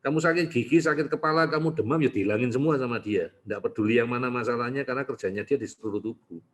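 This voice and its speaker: This quick-paced man speaks in a mid-range voice, a doctor fielding parents' questions in an online consultation from a clinic. His manner is chatty and playful, and he keeps tagging lines with an inquiring "ya".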